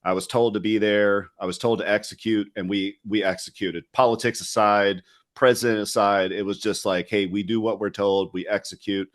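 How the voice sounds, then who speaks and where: A man's voice: on the low side, steady tone, moderate pace. A middle-aged man from West Virginia, a retired soldier and interview guest, talking candidly and reflectively in a loose casual way. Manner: reflective and candid, loose with fillers like "you know".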